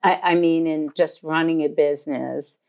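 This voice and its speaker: Low-voiced older American host. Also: female voice, fairly even intonation, creaky. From United States. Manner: warm, complimentary, thinks aloud with pauses. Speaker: podcast host, fashion designer. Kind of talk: casual interview.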